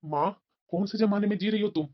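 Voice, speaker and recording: A woman's voice: medium pitch, fast talker, lo-fi sound, background noise, close to an everyday voice. A woman voicing a caring young husband and son in a cartoon, who argues back in an earnest, reasoning tone. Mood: arguing.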